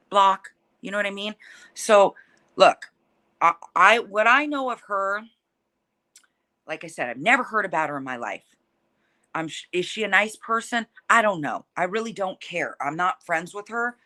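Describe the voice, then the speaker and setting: A woman's voice: on the low side, sharp tone. A woman fighter talking casually in an interview, feisty, combative and blunt, swearing freely as she talks trash.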